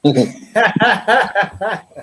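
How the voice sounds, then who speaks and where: A man's voice: sits high, animated, drawn-out words, sharp tone, breathy edge. A man chatting casually as co-host of a stream, heard through his phone's microphone. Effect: heard through a phone mic. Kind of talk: casual chat. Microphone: phone mic. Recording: dull lo-fi phone mic.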